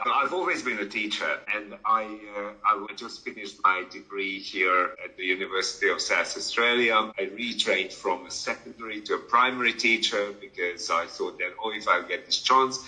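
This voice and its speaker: Deep-voiced man in his fifties, from Hungary. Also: sharp tone, rough recording. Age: 50s. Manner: hesitant, many fillers, wry. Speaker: museum educator, guest. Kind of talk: casual interview.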